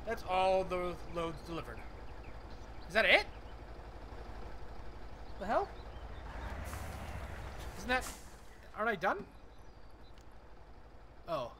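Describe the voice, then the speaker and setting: A man's voice: high-pitched, big pitch swings, takes it slowly, long pauses, bright, forceful tone. A young man hosting a gaming channel, giving casual let's-play commentary and reading menu items aloud as he plays. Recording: game vehicle noise behind.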